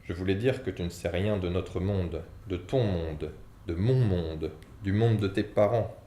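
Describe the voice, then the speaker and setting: A towering, hot-tempered gamekeeper with a low, dark, gravelly voice, given by a man reading aloud. He booms with indignation in a storybook reading with character voices. The recording sounds roomy, with a faint hiss behind it. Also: moderate pace. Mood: angry. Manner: booming and indignant. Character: huge gruff male half-giant gamekeeper, quick-tempered. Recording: echoey room, faint background noise.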